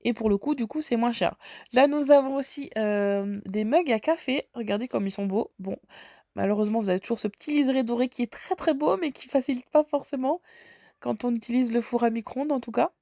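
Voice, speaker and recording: Woman shopping vlogger with a head cold, chatty and upbeat, fairly high, mellow voice, dry sound, in-store. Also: fairly quick, dry recording. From France. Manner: chatty, enthusiastic, lots of fillers. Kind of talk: casual shop walkthrough. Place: large store indoors.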